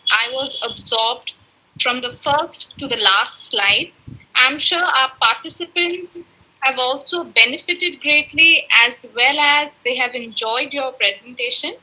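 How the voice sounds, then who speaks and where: A woman with a high, bright voice moderates a webinar in a polite, formal way, courteously and deferentially calling the speaker "sir." Her first language is Urdu, she speaks unhurriedly, and the recording is rough.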